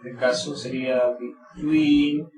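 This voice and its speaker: A man explaining English word stress in Spanish, slow and repetitive with many fillers, pausing to model each word. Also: a little high. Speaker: English pronunciation teacher. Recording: echoey room, distant mic, crowd noise.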